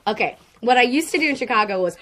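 A woman's voice: a little high, heavy background noise. A young woman chatting in an interview, giggling often and telling stories in a bubbly, rambling way. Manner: giggly, bubbly storytelling with many likes. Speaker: stage actor guest. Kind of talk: casual chat interview.

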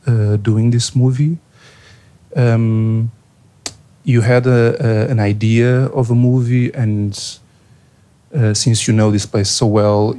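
A man's voice: lowish voice, dark tone. A man with a Portuguese accent asking a filmmaker a polite question from the audience, hesitant with many fillers.

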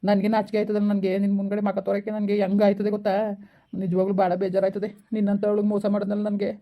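A woman's voice: medium pitch, completely flat delivery, racing, close to an everyday voice. A woman playing a village husband, back after leaving his wife, who blames himself and talks sorrowfully. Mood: remorseful. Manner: sorrowful, self-blaming, reassuring. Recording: dull lo-fi recording.

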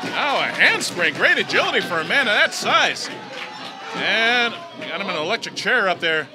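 A man doing excited play-by-play as a lucha libre announcer, calling moves and exclaiming. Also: high voice, normal speed, over music. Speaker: lucha libre match commentator. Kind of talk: excited play-by-play wrestling commentary. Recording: noisy hall recording with loud crowd. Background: loud wrestling crowd.

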